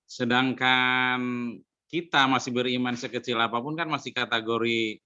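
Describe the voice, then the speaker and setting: A man's voice: medium pitch, steady tone, normal speed, pushed and bright, clean tone, lo-fi sound. A cleric raising a question in a discussion, hesitant and repeating his words.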